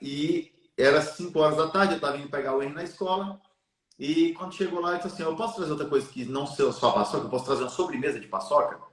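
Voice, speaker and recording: A man's voice: a little high, fast talker, reverberant. A man telling a long personal story in a live chat, drawing a lesson about giving and faith in an earnest, preachy way. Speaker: live stream guest.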